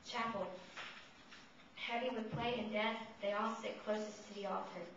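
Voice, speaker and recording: A woman's voice: medium pitch, steady tone, normal speed, fairly bright tone. Woman reading poetry in a very echoey room. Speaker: poet reading her own work. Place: reverberant indoor room, live reading. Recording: distant, muffled, echoey room with noise.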